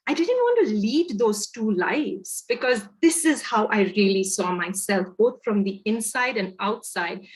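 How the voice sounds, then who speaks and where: A woman with an Indian accent presents as a guest speaker in a webinar over a video call. Her slightly high voice comes through a rough recording as she shares reflective stories, adding lively emphasis.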